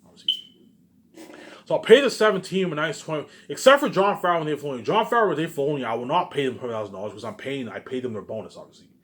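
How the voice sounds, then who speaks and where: Speaking rapid-fire in a somewhat bright, higher-pitched voice with lively intonation, this man rambles informally about his personal plans. His monologue loops back on itself with repetitions, restarted phrases and emphatic tag words.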